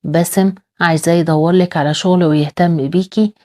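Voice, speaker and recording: A proud, hot-tempered father argues and pleads, read out by a woman narrator. The voice stays low and soft-toned, with an Egyptian accent. It comes through as a drama recap. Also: fairly even intonation, a little fast, lightly acted. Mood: pleading. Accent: Egyptian Arabic.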